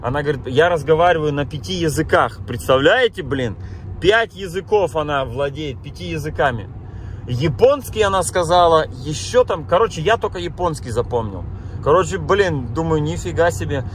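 His voice runs on the high side, expressive and at normal speed, with a little hiss or hum on the recording. He's a vlogger born in Kazakhstan who has lived in Germany, a Russian speaker with that mixed accent, chatting casually with viewers as he drives through town and often exclaiming at what he notices.

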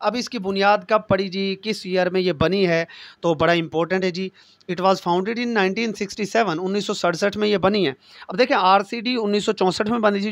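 High-voiced Pakistani Urdu man teaching. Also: fairly bright tone, no echo. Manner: chatty, addresses students directly, memory tricks. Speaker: teacher for competitive exams. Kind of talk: casual classroom lecture.

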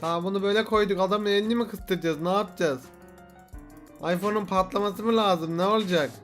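A young man doing casual let's-play commentary, excitable, laughing often and shouting in frustration. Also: high-pitched, fairly quick. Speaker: gaming youtuber. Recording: faint game music behind.

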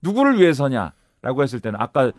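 A man's voice: medium pitch, brisk, no room sound. A man talking through politics as a commentator guest, explaining points step by step in a studio discussion. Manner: explanatory, lively with sudden rises and drops. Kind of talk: analytical discussion.

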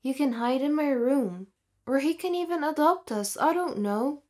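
A woman narrator voicing a young boy who calmly reassures his friend. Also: sits high, normal speed. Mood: reassuring. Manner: soothing, reassuring.

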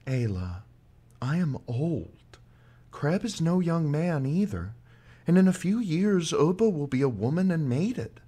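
A man voicing an old mother and medicine woman who comforts her daughter calmly and steadily. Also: on the high side, measured pace, slightly rough, voice pushed up, exaggerated voice. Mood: soothing.

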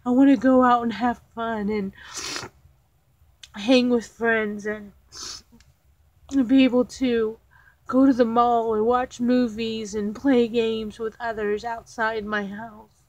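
A woman on the verge of tears talks straight to her viewers, her slightly high voice slow and halting. The home recording is dry and dull, with a muffled lo-fi sound. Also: little pitch movement, no echo. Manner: slow, halting, soft-spoken. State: tearful, holding back crying. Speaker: vlogger. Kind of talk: emotional personal confession to viewers.

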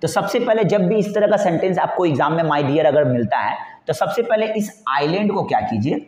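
A man's voice: on the high side, animated, fairly quick, darkish tone. Coaxing male teacher, echoey lo-fi. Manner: repetitive, coaxing, asks and answers own questions. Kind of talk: exam-prep English grammar lesson. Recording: echoey, dull lo-fi room sound.

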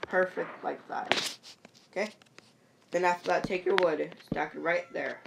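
A woman with a low, gravelly voice talks slowly through a game tutorial. She gives patient step-by-step instructions and often checks in with the listener. There is clear background noise with clicks behind her. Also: steady tone. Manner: patient instructions, repeats "perfect" and "see?". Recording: noisy home recording with clicks.

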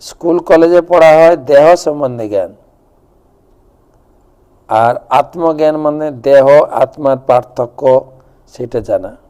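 A man answering viewers' spiritual questions in a slow, measured devotional talk, reciting scripture verses and chanting mantras. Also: fairly high pitch, warm tone.

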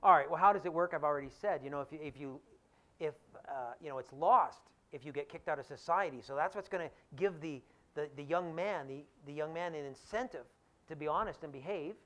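A male economics professor gives a public lecture in a lecture hall. He tells it like a story, animated and full of acted-out quotes. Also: a little high, brisk.

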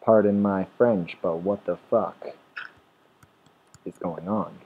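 A man's voice: deep voice, steady tone, slow, husky, phone-quality sound. A man giving rambling, swear-filled commentary while playing a game, talking at the monsters and restarting his sentences. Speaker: gameplay commentator. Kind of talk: rambling let's-play commentary. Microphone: desktop or headset mic.

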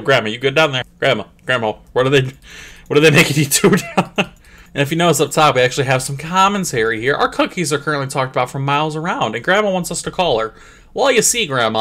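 A young man giving crude, jokey commentary over a game, jumping into squeaky high voices. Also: bright, forceful tone. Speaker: gameplay commentator. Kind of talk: comedic let's play commentary.

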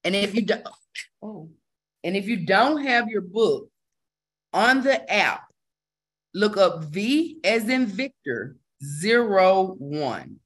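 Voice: mid-range voice, sing-song, slow, fairly bright tone. A medical coding instructor teaching a casual live session, talking conversationally to the class, repeating key terms for emphasis and adding chatty asides.

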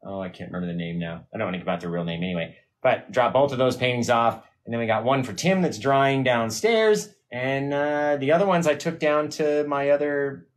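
A man hosting a live painting stream, chatting casually and answering viewer comments. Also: on the low side. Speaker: painting livestream host. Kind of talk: casual livestream chat. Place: home studio, hot room.

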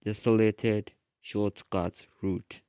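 A man reading his own story aloud in a slow, halting way with restarts. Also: on the low side, level tone, mellow, clean tone, no echo, clean studio sound. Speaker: author reading his book. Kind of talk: storybook narration.

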